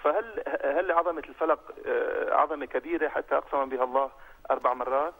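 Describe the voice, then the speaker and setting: A man calling in to a program over a phone line, asking questions in a halting way with many fillers and reciting verses. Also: medium pitch, gravelly, breathy edge. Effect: heard over a phone line. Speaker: caller.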